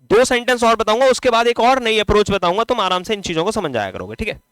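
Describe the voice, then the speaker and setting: A man with a Hindi accent teaching English grammar in a classroom lecture, asking the class questions and answering them himself, drawing out key words slowly as he writes. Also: high voice, expressive, a bit bright, clean tone, no room sound. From India. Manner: stretches key words slowly while writing on the board.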